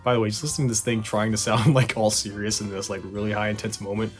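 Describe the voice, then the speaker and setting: A man's voice: lowish voice, level tone, fast talker. A man narrating a casual, sarcastic video recap in a conversational way. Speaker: host of a video retrospective. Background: background music.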